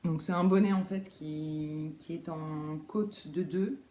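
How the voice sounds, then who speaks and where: A woman vlogs casually about her knitting in a show-and-tell chat, rambling with lots of fillers and correcting herself as she goes. Her warm voice sits low, with fairly even intonation and a slow pace. The room has a roomy echo and faint background noise.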